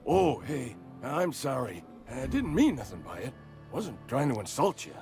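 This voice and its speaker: An actor playing a nervous, fatalistic company worker in a video game, ailing and doom-laden, with quaintly formal, folksy talk. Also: male voice, medium pitch, sing-song, unhurried, creaky, music in the background. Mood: apologetic, pleading. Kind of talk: video game character acting.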